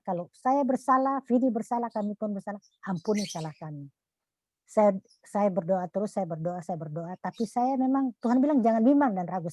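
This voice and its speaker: An older woman testifying earnestly at an online church service, halting and restarting as she goes. Her voice is mid-pitched and sounds close and dry, with no room around it. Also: no room sound. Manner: earnest, halting with frequent restarts, voice dropping soft in prayers. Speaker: congregation member giving testimony.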